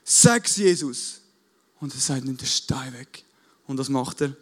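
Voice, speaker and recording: Another man delivers a sermon from a church stage with a band standing by, casual but fervent, tossing in English buzzwords and climbing to loud appeals. He speaks at a normal speed in a husky, monotone mid-range voice.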